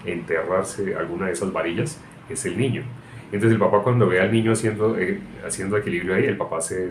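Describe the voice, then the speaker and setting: A man teaching from the Bible, working through a long everyday example with frequent "eh" hesitations. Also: on the low side. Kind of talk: sermon-style Bible teaching. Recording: roomy echo, faint background noise.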